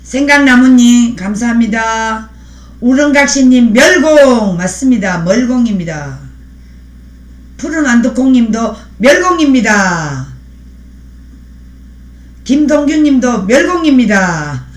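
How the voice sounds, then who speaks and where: A woman's voice: fairly high pitch, lively intonation, takes it slowly, long pauses, reverberant. A woman hosting a live stream, speaking in a fiery, preachy way and thanking viewers by name as she reads their comments. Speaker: livestream host.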